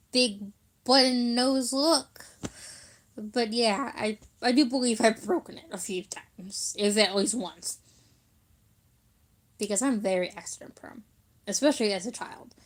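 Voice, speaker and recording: Giggly, unhurried young woman vlogger. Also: a little high. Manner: giggly, laughs often while telling stories; chatty with frequent fillers and trailing asides. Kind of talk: casual storytelling chat.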